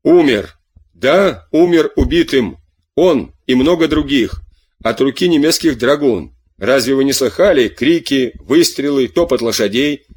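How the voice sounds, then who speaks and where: A man's voice: medium pitch, animated, unhurried, slightly rough. A man voicing a fiery farmer who urges soldiers to fight, in an audiobook reading. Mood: indignant. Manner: urgent, exclaiming, pleading.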